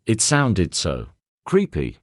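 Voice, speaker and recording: A man's voice: low voice, huge pitch swings, slow, no room sound, clean studio sound, heavily acted. A man voicing a frightened young woman nurse who answers hesitantly. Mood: nervous.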